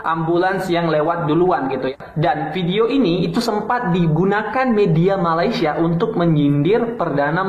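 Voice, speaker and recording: High-pitched lecturing man, echoey clip. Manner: lecturing, frequent "gitu ya" tags. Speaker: YouTube commentator. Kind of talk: video commentary. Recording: echoey, dull played-back clip.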